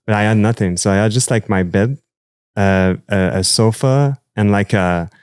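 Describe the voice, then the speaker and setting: A man in his thirties with a Quebec French accent, talking in a loose, rambling way with constant fillers. His voice sits on the low side, and it is recorded dry and close to the mic. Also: normal speed, clear, resonant tone, no room sound. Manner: rambling, many fillers, animated. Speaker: musician guest. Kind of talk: casual interview chat.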